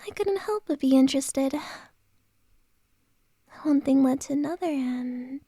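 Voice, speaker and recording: In an ASMR roleplay, a woman performs a playful, flirtatious boss lady who teases softly in an unvoiced, breathy whisper. Her voice is high but mellow and drawn out slowly, recorded dry and close to the mic.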